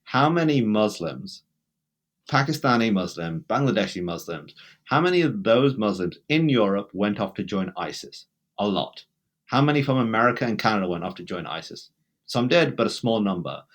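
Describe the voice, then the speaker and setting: This English guest in a conversational interview has a lowish, sing-song voice and a moderate pace. His British-accented speech comes out emphatically, in bursts with frequent restarts.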